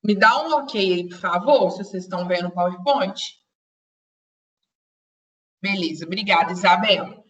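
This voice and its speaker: A woman's voice: mid-range voice, moderate pace, pauses often, fairly bright tone, far from the mic. A woman teaching a live online grammar class, patiently repeating explanations and speaking straight to her students. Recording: roomy echo, voice away from the mic.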